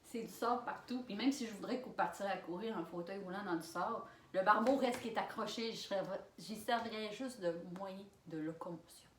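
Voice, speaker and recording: Une jeune femme à l'accent québécois qui raconte une anecdote en vlog, de façon animée, avec des rires et des exclamations fortes. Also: female voice, medium pitch, fairly quick, few pauses, a little hiss or hum. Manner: animated, laughing storytelling with loud exclamations. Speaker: vlogger. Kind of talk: storytime vlog. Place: alone in a room. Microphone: camera mic. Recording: roomy sound from a distant mic.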